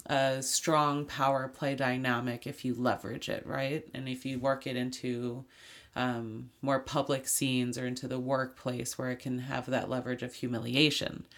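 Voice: medium pitch, flat delivery, normal speed, vocal fry, a bit bright. A podcast co-host with a tired voice, speaking frankly in a casual discussion and explaining ideas through short spoken examples.

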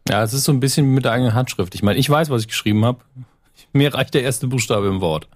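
A young man in casual conversation, relaxed and reflective, with dry remarks. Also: medium pitch, quick pace, dry recording. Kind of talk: casual chat.

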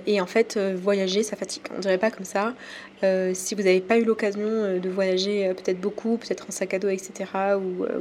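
A woman from France talks through her own podcast episode in a casual, halting way, often pausing with fillers. Her pitch sits in a middle range. Faint ambient noise hums behind her. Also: darkish tone. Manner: hesitant, many pauses and fillers. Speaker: podcast host. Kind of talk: casual solo podcast talk.

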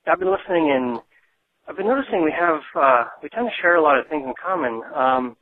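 A man's voice: on the high side, a little fast. A man in his thirties leaving a rambling, hesitant voice message, played back from a voicemail. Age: 30s. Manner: hesitant, filler-heavy, deadpan. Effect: voice message played over a phone line. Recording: tinny phone-line voicemail.

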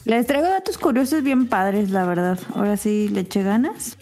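A woman tells a long anecdote on a podcast in a relaxed, chatty way. Her voice is mellow and warm, with soft music playing faintly behind her. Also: medium pitch, normal speed. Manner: chatty, animated anecdote teller. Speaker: podcast co-host. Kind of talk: casual storytelling chat.

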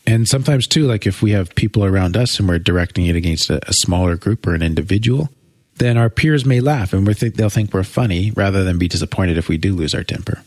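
A man co-hosts a relationship podcast, talking through ideas in a thoughtful, unhurried way. His voice sits on the low side, and the recording is dry and close. He builds long winding explanations. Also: a little mellow, dry recording. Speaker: co-host. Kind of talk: casual explanatory chat.

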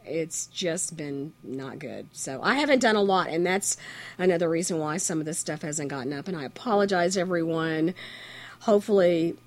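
A woman's voice: low voice, expressive, normal speed. A woman hosting a casual podcast, sick with a cold and struggling to talk. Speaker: podcast host.

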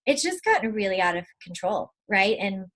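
Lady in her 30s chatting away, lively, laughs a bunch, does little voices for quotes. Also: mid-range voice, moderate pace. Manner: animated, laughs often, acts out quotes. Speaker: podcast guest. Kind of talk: casual conversation.

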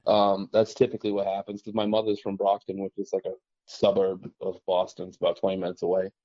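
Talking casually about trapping, this podcast host from western Massachusetts speaks quickly in a low voice, relaxed and rambling with frequent "like" and "you know" fillers. The audio is dull, with no room sound.

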